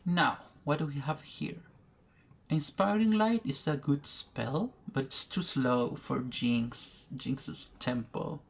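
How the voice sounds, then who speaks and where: A man giving educational commentary over a card game, thinking aloud slowly, pausing often and restarting his sentences. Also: fairly high pitch, creaky. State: has the hiccups. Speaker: gaming video creator. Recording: faint background noise, poor recording.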